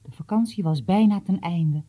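A woman narrating a children's storybook with a calm, measured reading. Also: lowish voice. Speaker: audiobook reader.

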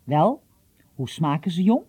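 A shrewd, secretive old male gardener, read by the audiobook narrator speaks in a confiding, gently teasing manner. The tone is very dark and husky. It sounds close and dry, with no room around it. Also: mid-range voice, big pitch swings, measured pace, dry recording, exaggerated voice. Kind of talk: audiobook reading.

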